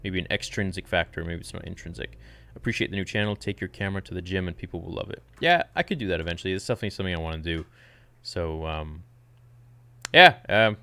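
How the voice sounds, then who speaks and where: A man's voice: sits low, quick pace, bright, forceful tone. A man in his twenties hosting a fitness channel, casually reading viewer questions aloud and answering them in a laid-back live-stream Q&A. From Canada. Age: 20s.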